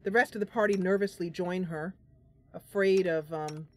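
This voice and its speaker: A woman's low, darkish voice carries fairly even intonation at a moderate pace, with slight background noise. As gameplay host and role-player, she offers casual, playful commentary and thinks aloud, game music running underneath.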